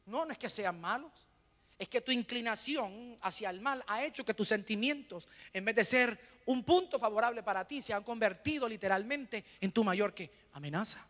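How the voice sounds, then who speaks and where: Male pastor with a high, bright, forceful voice, preaching in call-and-response style and moving between hushes and loud bursts, in a long-echoing hall. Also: animated. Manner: preaching with rhetorical questions and call-and-response pauses. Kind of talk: sermon.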